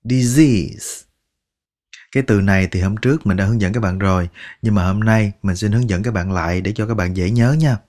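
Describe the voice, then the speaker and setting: A man teaching English pronunciation, repeating each word slowly and drawing out its sounds, patient and coaxing. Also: on the low side. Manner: patient, coaxing, ends phrases with soft particles. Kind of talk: slow pronunciation lesson.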